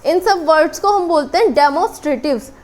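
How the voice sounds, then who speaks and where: ऊँची आवाज़ वाली महिला शिक्षक. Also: female voice, high voice, animated, darkish tone. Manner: explains slowly, repeats words with many fillers. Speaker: English teacher. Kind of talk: casual spoken lesson. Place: small room with a board. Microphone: camera on a tripod.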